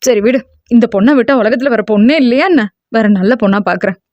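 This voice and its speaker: A tearful, anxious mother, played by a woman reading an audio novel, her voice pitched high and pleading. She scolds and frets at her son. The dull, dry recording has no room sound. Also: fast talker, a little mellow, dry recording, close to an everyday voice. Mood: disappointed.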